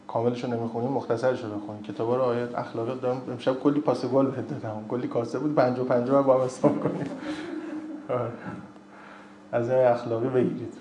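A man's voice: medium pitch, mellow, a little hiss or hum. A man giving an informal religious lecture, telling stories with joking asides and reciting old narrations in between. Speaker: religious speaker. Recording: roomy echo.

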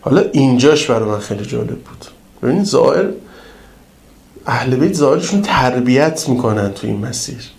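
A man preaching to pilgrims, telling a story in a lively, colloquial way. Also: medium pitch, vocal fry, echoey room. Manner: colloquial, lively retelling of an anecdote. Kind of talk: storytelling sermon in casual speech.

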